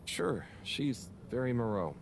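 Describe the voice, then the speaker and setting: A man's voice: medium pitch, sing-song, measured pace, gravelly. Harold, a hesitant young man. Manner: hesitant, mumbling, self-conscious. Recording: game audio with ambient noise.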